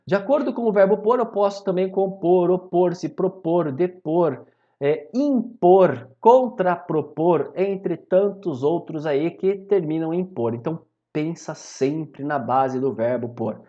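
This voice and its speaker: A man's voice: high-pitched, slow, highs cut off. A man with a Brazilian accent teaching grammar in a video lesson, often checking in with his students. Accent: Brazilian Portuguese. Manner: animated, repeats "maravilha?" and "tá?" to check in with students.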